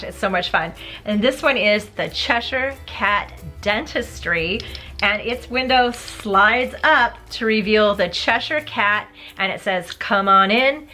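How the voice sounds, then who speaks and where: Woman, enthusiastic collector vlog host, bright forward voice, light music underneath. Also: medium pitch. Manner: gushing, enthusiastic, chatty. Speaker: pin collector vlogger. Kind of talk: casual show-and-tell vlog.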